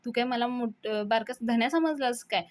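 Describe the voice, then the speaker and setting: A woman voicing a hot-headed young village man who shouts and picks quarrels, in a retold serial episode. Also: fairly high pitch, moderate pace, natural voice. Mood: angry.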